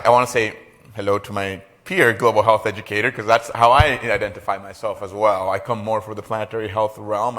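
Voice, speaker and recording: A Costa Rican man near forty, wearing a lapel mic, gives a keynote academic lecture in a large lecture hall where long reverb hangs. He sounds lowish and a bit bright, hesitant and heavy on fillers, joking lightly along the way.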